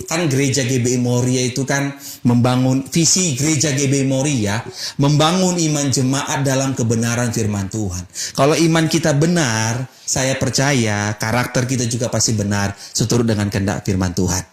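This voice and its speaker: Emphatic male pastor in an echoing church. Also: medium pitch. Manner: emphatic, blunt preaching with rhetorical questions. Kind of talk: sermon. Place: church sanctuary. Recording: roomy church echo.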